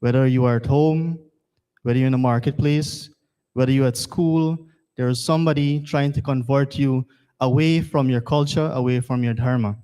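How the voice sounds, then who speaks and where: A man's voice: medium pitch, steady tone, normal speed, mellow, clean tone. A man from Guyana, chairing a temple service in an earnest, rhetorical formal address that repeats phrases for emphasis. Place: temple hall.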